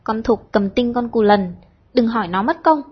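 A woman voicing a teasing, chatty teenage schoolgirl, cheeky and quick-tongued, with a husky tone. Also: on the high side, animated, highs cut off.

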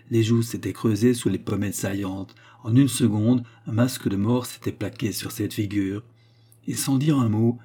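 A man reads a classic novel in a measured, even storytelling voice. His tone sits low and dark with a slightly husky edge. The delivery stays steady and unhurried. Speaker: audiobook narrator. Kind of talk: literary audiobook narration.

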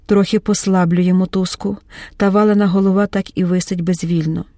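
A woman's voice: flat delivery, fairly quick, mellow, no room sound, studio quality. A woman narrating an audiobook in a dramatic reading style, changing her voice for each character. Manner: shifts pitch and pace to voice the characters.

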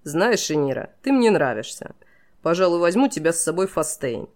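A woman's voice: lowish voice, sing-song, brisk, darkish tone. A woman voicing a theatrical, unhinged king who drawls and mocks playfully, in an audiobook. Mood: mocking.

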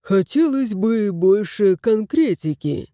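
A plump, self-satisfied tomcat, as a woman puts him on while reading draws out his teasing lines very slowly. The tone is mellow and the pitch is lively. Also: no echo, studio quality. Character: lazy, smug plump male house cat. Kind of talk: audiobook character voice.

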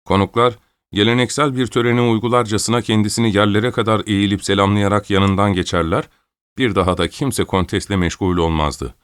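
A man giving measured, scripted narration of a classic novel as an audiobook reader. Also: lowish voice, fairly even intonation, smooth, no echo, clean studio sound.

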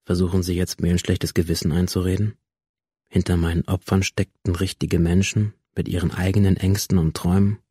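In a modern radio drama, an actor plays a sullen young school shooter, cynical and defiant, who moves between introspective narration and coarse, sardonic retorts. His low, mellow voice is fairly quick with a breathy edge and little pitch movement, recorded very dry with no room sound.

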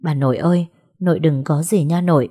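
A woman's voice: sits low, steady tone, a little fast, warm tone, breathy edge. A woman voicing a timid young woman, an orphaned granddaughter, speaking tearfully. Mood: pleading. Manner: pleading, tearful.

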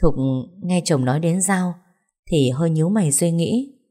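A woman narrating a story for an audiobook channel with a steady, even storytelling read. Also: fairly low pitch, moderate pace.

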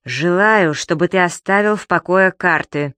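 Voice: mid-range voice, a little slow, sharp tone, clean tone, no echo. A reader playing a fussy, exasperated grown man who talks in a stern, grumbling way.

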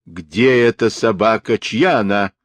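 A man's voice: fairly low pitch, unhurried, no room sound, natural voice. A man voicing an irate, stern middle-aged stepfather in an audiobook, barking and clipping each word. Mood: angry.

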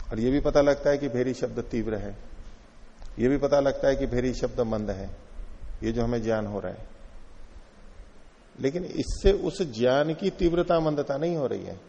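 A man gives a patient philosophy lecture with a gravelly, mellow voice. He works through each point by saying it again in other words and reads out Sanskrit lines slowly. The sound is dull and lo-fi and rings with a long hall reverb. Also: mid-range voice. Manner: patient, explains by repeating and rephrasing, quotes Sanskrit slowly. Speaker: teacher of Indian philosophy.

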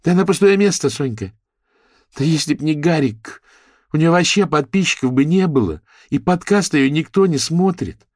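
A man voicing a brash, crude young woman influencer in an audiobook, talking shrill and rude. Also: expressive, moderate pace, darkish tone, no room sound, clean studio sound. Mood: angry. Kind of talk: audiobook character voice.

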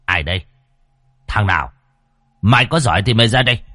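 A man voicing a harsh, foul-mouthed old landlord who shouts threats. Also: fairly low pitch, sing-song, fairly quick, no room sound, clean studio sound, soft background music. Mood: defiant.

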